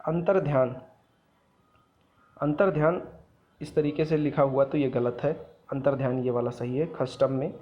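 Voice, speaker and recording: A man's voice: medium pitch, fairly even intonation, moderate pace, long pauses. Man teaching a spelling lesson, lo-fi. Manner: repetitive, explanatory, points at written words. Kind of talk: exam-prep spelling lesson. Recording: dull lo-fi sound.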